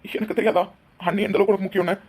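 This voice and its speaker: A woman doing frightened young husband Vikram, husky. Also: mid-range voice, level tone, very fast, a little mellow, natural voice. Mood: anxious pleading. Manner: anxious pleading. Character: frightened young man pleading for his wife.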